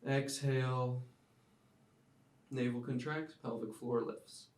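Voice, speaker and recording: A man teaching a yoga class, giving calm step-by-step cues timed to the breath. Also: medium pitch, slow. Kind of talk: guided yoga class instruction. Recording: roomy sound, mic at a distance.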